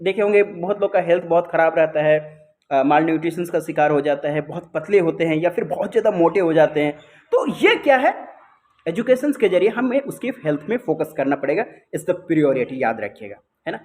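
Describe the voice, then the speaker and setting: A man's voice: fairly high pitch, expressive, brisk, a little mellow. A man with an Indian accent giving a lecture as a teacher, often adding tag questions and mixing in English phrases.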